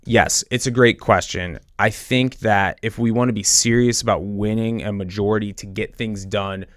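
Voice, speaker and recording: A young man casually talking politics with his brother, animated and nerdy with joking asides. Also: lowish voice, no room sound, clean studio sound. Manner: animated, self-described nerd, quick jokey asides. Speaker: podcast co-host.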